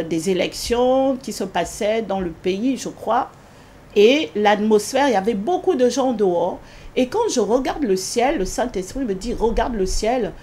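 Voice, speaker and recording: A woman's voice: warm tone, a little hiss or hum. Earnest woman giving a faith testimony. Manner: earnest, repetitive, with many hesitations; rises sharply in pitch when quoting her own pleas. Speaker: guest giving a religious testimony. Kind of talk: spoken personal testimony.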